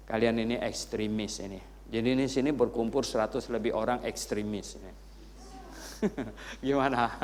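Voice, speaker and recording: Animated man teaching a doctrine class. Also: medium pitch, a little hiss or hum. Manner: rhetorical questions, heavy repetition, animated jabs; tag fillers "ya loh" and teasing asides.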